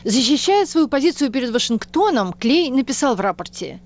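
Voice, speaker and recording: A woman hosting a radio program, reading a scripted documentary narration in a measured, even way. The sound is a slightly muffled radio broadcast. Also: high voice.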